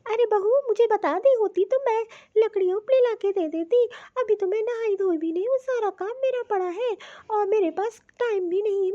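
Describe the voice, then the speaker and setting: Cartoon: woman doing a scolding old mother-in-law, very high mellow voice, lo-fi sound. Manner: scolding, complaining. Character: fussy older mother-in-law, busy, scolding.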